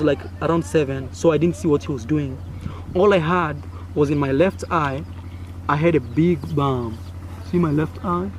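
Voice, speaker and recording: This content creator is a young man with a Kenyan accent and Swahili as his first language, his voice slightly high. Standing outdoors in a village with faint noise around him, he recounts a childhood story to camera. He's casual and lively, miming sounds and gestures and filling pauses often.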